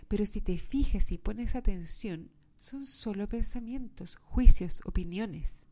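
A woman speaks in a mellow, nasal voice that sounds congested from allergy. She delivers reflective self-help coaching as a monologue, talking straight to the listener. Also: mid-range voice, animated, unhurried. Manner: reflective, addresses listener directly with rhetorical questions. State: stuffed up from pollen allergy. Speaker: host of a self-help podcast.

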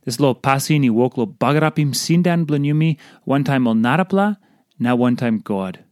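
A man with a Papua New Guinean accent reading a scripted audio devotional, delivering it deliberately in short phrases. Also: medium pitch, lively intonation, darkish tone, no room sound, studio quality. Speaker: devotional reader.

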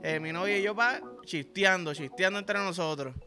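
A podcast host with a Puerto Rican Spanish accent tells a crude, profane, rambling story in slang-heavy casual speech. His voice is high and moderately paced, with music in the background.

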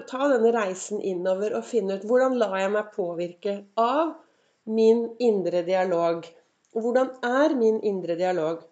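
A woman's voice: mid-range voice, a little mellow. A middle-aged woman hosting a motivational solo podcast from her living room, talking to the listener in an earnest, encouraging way. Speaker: podcast host.

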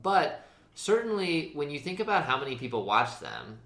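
Man, animated pitch, rambling fillers, echoey room, podcast chat. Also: moderate pace. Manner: thoughtful, filler-heavy, lively. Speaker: podcast co-host. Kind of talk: casual chat.

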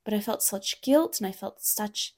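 A woman in her thirties talks candidly on her own podcast. She reflects openly and at a relaxed pace, and at times her voice sinks to a near-whisper before it lifts again. Her pitch sits in the middle for a woman. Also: moderate pace. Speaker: podcast host and coach for mothers. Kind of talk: personal solo podcast talk.

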